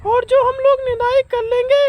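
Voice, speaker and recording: A woman playing a shrill bossy mother-in-law. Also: flat delivery, normal speed, dull audio. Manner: harsh, insulting, bossy. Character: bossy scolding older village mother-in-law. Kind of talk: comedy skit acting.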